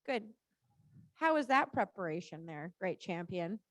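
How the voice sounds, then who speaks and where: A woman's voice: on the low side, very animated, unhurried, a bit bright, no echo, low-quality recording. A woman working as a riding coach, calling out short, repeated cues live in an encouraging, informal and reassuring way.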